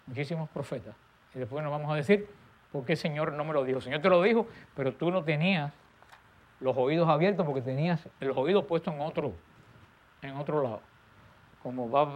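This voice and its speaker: In this sermon, the man leans hard on key words, then lets his voice fade soft and low at the end of each phrase.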